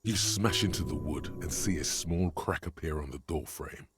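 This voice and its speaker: A cavernous wry game narrator. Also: male voice, very deep voice, moderate pace. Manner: wry, commanding second-person narration. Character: grave male narrator and inner voice of a detective game.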